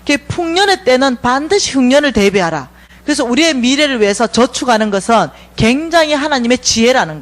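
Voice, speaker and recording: Lively, high-voiced woman preaching. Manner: lively, playful storytelling with acted quotes. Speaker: church staff speaker. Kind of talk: revival sermon talk. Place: church.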